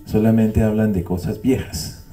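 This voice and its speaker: Speaking to a group at a spiritual community meeting, an older man offers a repetitive, reflective testimony peppered with wry digressions, a live audience in the room. The distant mic captures a mellow, lowish voice with fairly even intonation and a moderate pace.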